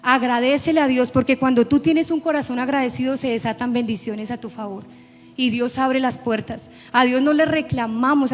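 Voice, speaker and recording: A woman preacher from Colombia giving an emphatic sermon with personal testimony in a church. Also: sits high. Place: church sanctuary. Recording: church hall reverb with faint music.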